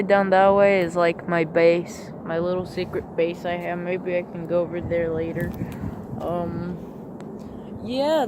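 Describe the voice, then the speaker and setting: Slow male vlogger through a gender swap filter. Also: high voice, very noisy. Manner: hesitant, rambling, many fillers. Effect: gender swap voice filter making him sound like a woman. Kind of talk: casual rambling vlog. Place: outdoors in woods, up in a tree.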